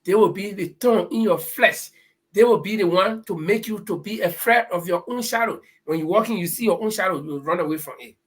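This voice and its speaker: A man's voice: high-pitched, fairly quick, slightly rough. A middle-aged man in a casual discussion, speaking with emphatic, preachy warnings.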